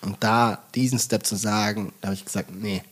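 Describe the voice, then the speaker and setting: A husky-voiced man from Swabia chats as a podcast guest, telling stories with lively enthusiasm. He swears casually and tosses in English phrases. His delivery is relaxed and conversational. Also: fairly low pitch, brisk. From Swabia, Germany. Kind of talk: casual chat.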